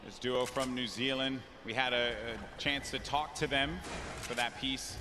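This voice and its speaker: A man commentating live on a competitive online game, mixing chatty analysis with excited calls. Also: mid-range voice, a little slow, noisy background. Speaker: esports caster.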